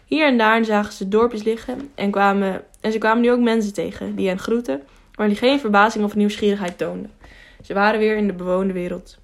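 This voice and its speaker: A woman reading an audiobook aloud, telling the story in a steady, measured way. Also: mid-range voice, creaky. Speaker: audiobook narrator. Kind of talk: scripted narration.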